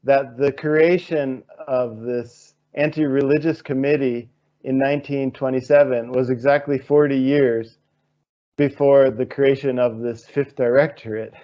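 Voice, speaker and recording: A man's voice: mid-range voice, fairly even intonation, measured pace, muffled recording. A man hosting an interview, posing long, searching questions and thinking aloud with fillers. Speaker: interview host.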